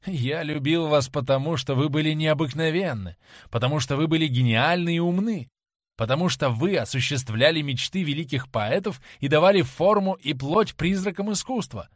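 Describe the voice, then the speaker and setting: A man's voice: fairly high pitch, normal speed, no echo, clean studio sound, natural voice. A man reading as a scornful young man in a rage. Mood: scornful, furious. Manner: loud, bitter, accusing outbursts. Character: proud young man, cruel and scornful in anger. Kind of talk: audiobook character reading.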